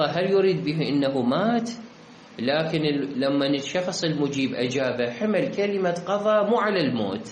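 A man teaches, going back over each question and answer to explain it. His pitch rises and falls a lot, slightly higher than most men's. The recording sits in an echoey room with a faint hum behind it. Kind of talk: explaining a lesson.

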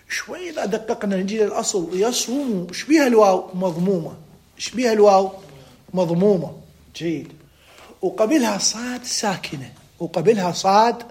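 A man with an Iraqi Arabic accent teaching a recorded lesson, stretching out key words, repeating them, and posing students' questions to himself before he answers. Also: sits high. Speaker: religious school teacher of Arabic morphology. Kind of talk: recorded lesson, live-streamed.

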